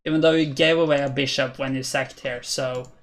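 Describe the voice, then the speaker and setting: A Norwegian-accented man from Norway, in his twenties, gives casual live-stream commentary while playing chess. Speaking a little fast in a steady, medium-pitched voice, he reads chat and answers viewers, hesitating and thinking aloud.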